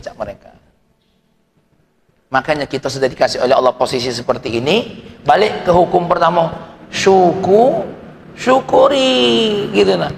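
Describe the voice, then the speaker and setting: A man's voice: mid-range voice, in a large hall. A man preaching a sermon in a mosque, joking and asking rhetorical questions while his voice rises and falls. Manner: lively, jokes and rhetorical questions, voice rising and falling. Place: mosque hall.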